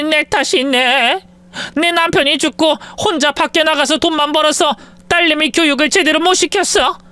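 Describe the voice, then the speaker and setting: A man's voice: very high-pitched, sharp tone, smooth, voice pushed up, heavily acted. A man voicing an older mother-in-law who pleads and scolds in old-fashioned speech.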